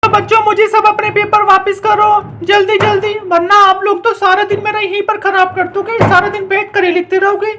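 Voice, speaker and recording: A woman's voice: very high voice, level tone, brisk, few pauses. A woman doing a strict, impatient schoolteacher. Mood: stern. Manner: scolding, hurrying, threatening. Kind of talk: doll story role-play.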